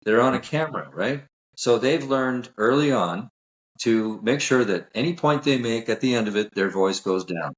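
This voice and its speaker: A man's voice: medium pitch, normal speed, echoey room, dull audio. A man who works as a sales coach, speaking as a guest on a podcast interview in an emphatic, self-assured, lecturing way.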